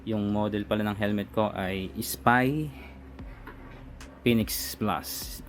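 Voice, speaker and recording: Unhurried and fairly low-pitched, a Filipino reviewer casually walks through unboxing and installing a product. He narrates his hands-on work informally, step by step, with music in the background.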